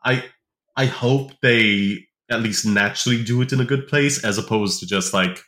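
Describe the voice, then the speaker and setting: A man co-hosting a podcast, chatting casually with lots of fillers and quick rambling bursts. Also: lowish voice, fairly bright tone. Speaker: podcast co-host. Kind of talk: casual chat.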